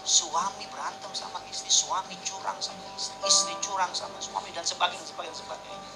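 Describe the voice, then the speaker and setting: A man preaching a sermon as pastor, in a casual, emphatic way that swings between loud and hushed. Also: high voice, fairly even intonation, quick pace, vocal fry, loud music behind the voice, rough recording.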